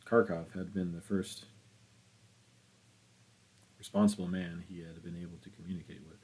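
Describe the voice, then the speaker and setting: A male audiobook narrator reading a classic novel in a measured, deliberate voice. His tone is deep and dark, with a husky grain. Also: little pitch movement, poor audio. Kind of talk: scripted literary narration.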